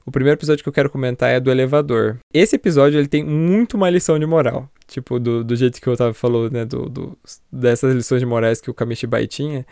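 A Brazilian man chatting on a podcast, retelling horror anime episodes with lively storytelling. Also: mid-range voice, fast talker, vocal fry, few pauses, smooth, no room sound, studio quality. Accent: Brazilian Portuguese. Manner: animated storytelling, acts out scenes with laughs. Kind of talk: casual chat reviewing an anime.

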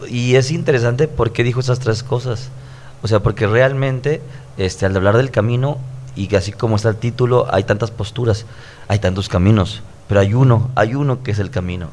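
A man's voice: fairly low pitch, moderate pace, a little hiss or hum. A man in his thirties with a Mexican accent, a pastor who preaches conversationally on a podcast and repeats his points earnestly. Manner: earnest, preachy, stacked repetitions.

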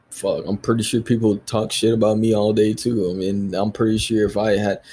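A man's voice: lowish voice, darkish tone, breathy edge. A man in his thirties from the United States, hosting a solo podcast and ranting bluntly with lots of swearing. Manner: profane, blunt, ranting with laughs. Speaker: podcast host.

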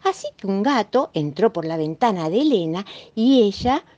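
A woman with a Rioplatense accent reading a children's story aloud in an expressive, playful way. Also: medium pitch, moderate pace, dry recording. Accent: Rioplatense Spanish. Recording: dull muffled recording.

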